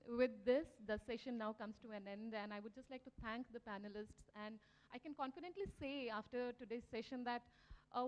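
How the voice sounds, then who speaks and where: A woman's voice: fairly high pitch, a little mellow. A woman speaking as a session moderator, giving closing remarks in a muffled event recording.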